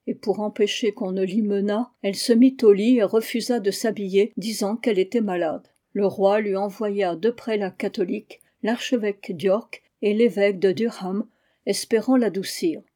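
A woman narrating a history audiobook with a steady, clear storytelling delivery. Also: mid-range voice, moderate pace. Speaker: audiobook reader.

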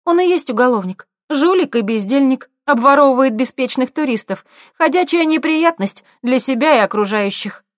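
A calm local woman gives a blunt verdict in this audiobook, as a male narrator puts her on. Her voice is lifted high and her tone stays quiet and factual, in a dry, close recording. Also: moderate pace, few pauses, no echo. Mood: matter-of-fact. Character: woman, calm local who knows the town.

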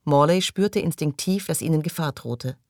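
A man narrating a science-fiction audiobook in a measured reading style, dropping quieter at tense moments. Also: a little high, creaky, dry recording, clean studio sound. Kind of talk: scripted narration.

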